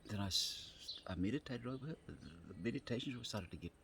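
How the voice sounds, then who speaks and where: A man sitting outdoors on the grass, telling a personal story in a halting way, often repeating and restarting phrases. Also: medium pitch, expressive, creaky, noisy background. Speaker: vlogger.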